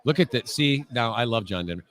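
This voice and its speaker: A man's voice: medium pitch, expressive, brisk, a bit bright. A middle-aged man hosting a casual video-call chat, full of teasing banter. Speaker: host.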